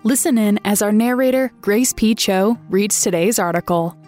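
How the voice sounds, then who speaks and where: A woman's voice: mid-range voice, moderate pace. A woman host giving a scripted podcast introduction in a friendly, welcoming way. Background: soft music.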